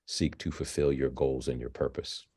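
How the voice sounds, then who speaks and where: Very deep, mellow man in his fifties. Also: little pitch movement, husky. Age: 50s. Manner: halting, many restarts and repeated words. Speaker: filmmaker and novelist, alumnus guest. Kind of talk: interview, conversational. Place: virtual interview.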